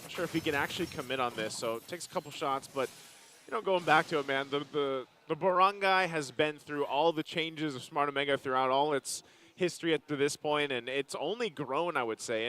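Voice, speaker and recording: A man's voice: fairly high pitch, brisk. A man giving live esports color commentary, talking through the game in loose, rambling analysis on a headset mic. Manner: relaxed, rambling analysis with fillers.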